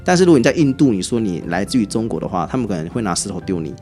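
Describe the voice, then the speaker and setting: A Taiwanese-accented man talks at a breakneck clip, his voice sitting low. He spins lively travel anecdotes as a podcast guest, faint music drifting underneath. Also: racing. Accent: Taiwanese Mandarin. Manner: animated, chatty anecdotes. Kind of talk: casual podcast storytelling.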